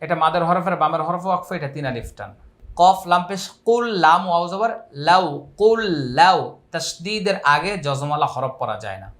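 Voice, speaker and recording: A man from Bangladesh teaching Quran reading with a Bangladeshi accent, spelling each word letter by letter and then chanting it in long drawn-out recitation. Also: fairly high pitch, expressive, fairly bright tone. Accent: Bangladeshi Bengali. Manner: slow drawn-out chanted recitation between brisk spelling drills.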